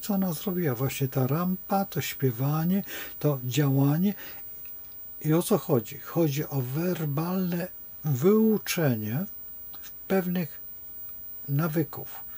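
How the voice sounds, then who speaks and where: A man's voice: a little high, dark tone, breathy edge. A man speaking as an astrologer in an unscripted monologue, rambling and digressive as he tells stories.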